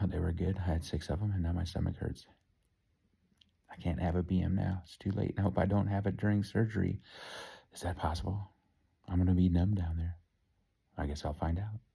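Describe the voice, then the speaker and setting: A man's voice: deep voice, creaky, dark tone, breathy edge. A man in his fifties recording a nervous, rambling video diary on his phone, first from a car and then from a hospital room. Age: 50s. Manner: nervous, rambling, self-deprecating. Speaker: vlogger.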